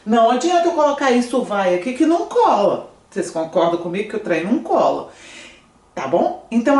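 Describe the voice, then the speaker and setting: Recorded from a distance in a roomy space, a woman with a fairly high pitch teaches French online to her students. She comes from Brazil and sits in a room in front of a screen. Her style is lively, and she keeps asking her class whether they follow.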